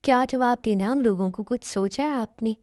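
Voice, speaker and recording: A woman's voice: a little high, brisk, a little mellow, slight background noise, close to an everyday voice. A woman voicing a worried, stubborn mother in an amateur Hindi dubbed drama, with an insistent, nagging way of speaking.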